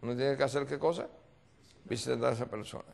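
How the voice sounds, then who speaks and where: A man's voice: medium pitch, fast, gravelly, a little mellow. A male pastor preaching a seminar sermon, telling a story and repeatedly quizzing his audience with call-and-response questions. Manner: storytelling with acted voices.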